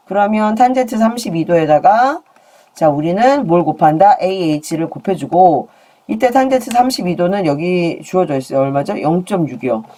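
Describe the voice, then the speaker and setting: A woman's voice: fairly low pitch, dark tone. A woman math teacher working through problems, playfully quizzing her students and joking as she goes. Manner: playful, asks questions and jokes with students. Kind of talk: online math lesson.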